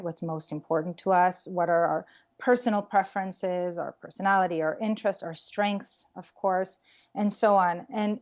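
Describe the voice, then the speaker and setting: A middle-aged woman from Israel speaks in a slightly low voice. She talks thoughtfully as an interview guest, often pausing with ums and restarting her sentences. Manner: warm, reflective, with frequent ums and restarts. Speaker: career coach, guest. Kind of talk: casual interview talk.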